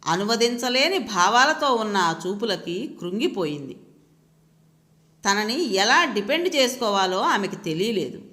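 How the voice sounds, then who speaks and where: A woman narrating a scripted audio story in an expressive, dramatic reading. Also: mid-range voice, a little slow.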